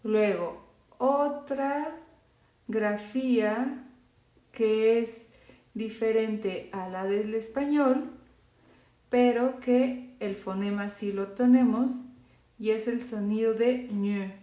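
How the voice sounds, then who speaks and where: Female language teacher, dark and mellow tone, unhurried delivery, echoey room. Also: on the high side. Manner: slow, careful, repeats example words. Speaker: Italian teacher. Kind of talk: phonetics lesson for Spanish speakers.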